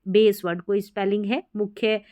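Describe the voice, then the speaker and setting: A woman's voice: mid-range voice, level tone, moderate pace, muffled recording. A woman teaching English spelling rules in a Hindi lesson, patiently repeating each word several times.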